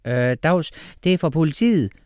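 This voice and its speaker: A man's voice: fairly high pitch, lively intonation, a little mellow, clean tone, no echo, studio quality, pitched above the performer's own voice, lightly acted. A man voicing a confused policewoman who hesitates and stumbles. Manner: hesitant, full of "uh".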